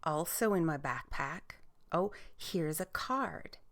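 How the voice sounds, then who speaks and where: A woman playing Lily, a cozy, cheerful children's storyteller, speaking gently and with wonder as she reads letters and tells bedtime stories. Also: low-pitched, expressive, exaggerated voice. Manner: gentle, wondering, drawn-out delivery for young children. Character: Lily, cozy cheerful storyteller girl camping with her pet dragonfly. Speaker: children's story show host.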